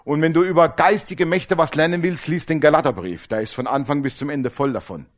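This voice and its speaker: A man preaching a sermon with dramatic storytelling, swinging between loud emphasis and low hushed asides, slowing down to stress key words. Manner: slows down to stress key words, then rushes.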